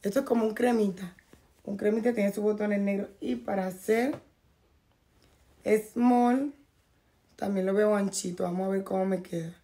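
A woman going hoarse, chatting casually to her viewers at home while unboxing and showing off clothes from a package. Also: mid-range voice, moderate pace, long pauses, warm tone. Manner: chatty, talks straight to viewers. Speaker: fashion vlogger. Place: at home, in a bathrobe.

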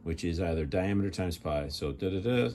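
A middle-aged man talks through his project in a garage, his deep, low voice explaining each step as he thinks aloud. The recording comes from a camera held while he works. A faint hum of background noise sits behind him. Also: animated, brisk, a little mellow. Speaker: hobby car restorer. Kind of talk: casual workshop narration.

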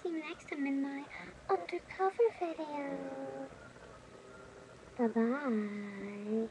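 Speaking slowly in a high-pitched voice, a young woman clowns around with face filters on her webcam in a small room. She rambles silly remarks about how she looks, and the webcam recording is noisy.

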